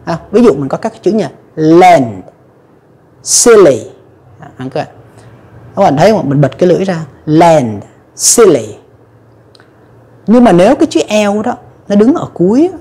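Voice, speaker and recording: A woman's voice: fairly low pitch, sing-song, fast talker, dark tone, husky. A woman teaching English pronunciation to viewers, patiently explaining step by step with frequent fillers. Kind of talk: pronunciation lesson.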